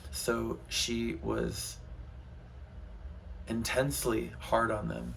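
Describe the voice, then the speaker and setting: Guitar teacher, male, 30s, gravelly, rambling and frank, faint hiss behind. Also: mid-range voice, little pitch movement, extremely slow, a bit bright. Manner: rambling, frank, heated at times. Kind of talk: casual spoken guitar lesson.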